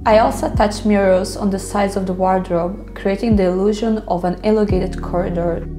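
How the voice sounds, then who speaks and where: A woman from Ukraine who grew up in Italy, speaking as she calmly explains her home as an interior decorator. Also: mid-range voice, moderate pace, music in the background. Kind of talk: home tour narration.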